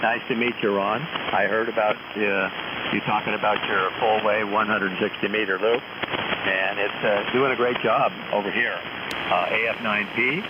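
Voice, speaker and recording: Casting: male ham radio operator, lowish pitch, reading out call signs over a very noisy, hissy radio channel. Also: fairly even intonation, normal speed. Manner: spells out call signs in phonetic alphabet.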